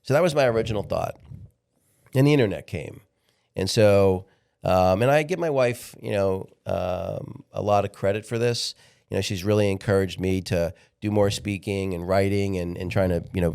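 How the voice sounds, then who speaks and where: A man's voice: low-pitched, darkish tone, clean tone. A man of sixty, a podcast guest talking candidly in a casual interview, often restarting his sentences. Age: 60s. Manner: candid, halting, repeats words when restarting.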